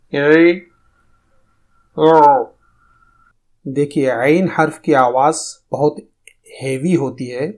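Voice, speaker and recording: A man teaching pronunciation in a recorded lesson, explaining calmly and drawing out demonstration sounds slowly. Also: mid-range voice. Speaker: tajweed teacher.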